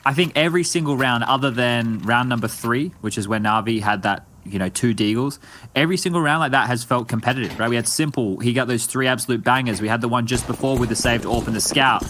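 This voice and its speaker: A man's voice: mid-range voice, fast, a bit bright. A man giving live color commentary on an esports match, chatty and analytical with joking asides, on a headset mic. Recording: clear background noise with clicks.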